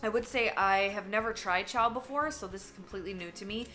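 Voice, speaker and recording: A woman's voice: medium pitch, fast, sharp tone, soft background music. A woman chatting casually while tasting food for a vlog, candid and talkative, sometimes talking with her mouth full. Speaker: vlogger. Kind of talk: casual taste-test vlog.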